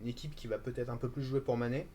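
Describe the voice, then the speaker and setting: A man's voice: mid-range voice, steady tone, quick pace, warm tone, slight background noise. A man answering as a football pundit on a live stream, hesitant with frequent fillers. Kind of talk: casual live-stream discussion.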